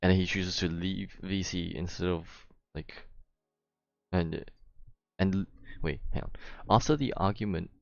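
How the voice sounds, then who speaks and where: A man's voice: low-pitched, measured pace, vocal fry, no echo, dull audio. A young man casually explaining himself in a rambling, slangy way, with some swearing and frequent check-in tags. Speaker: gamer, vlogger. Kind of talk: casual explanation to camera of a dispute with friends.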